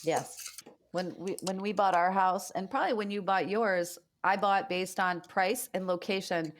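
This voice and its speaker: A woman's voice: medium pitch, steady tone, normal speed. Forthright woman in casual podcast chat. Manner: forthright, exasperated, swearing. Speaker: podcast co-host, mortgage lender.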